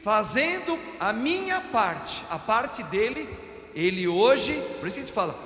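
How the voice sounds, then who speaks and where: A middle-aged Brazilian priest giving an Easter homily, telling folksy stories with everyday examples. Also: male voice, high voice, very animated, unhurried, a bit bright. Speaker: parish priest. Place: parish church. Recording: echoey church with long reverb.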